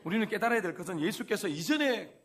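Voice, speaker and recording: Gravelly male pastor preaching. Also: high voice, animated, quick pace. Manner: folksy preaching with acted-out everyday quotes and dialect. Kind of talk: sermon. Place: church sanctuary.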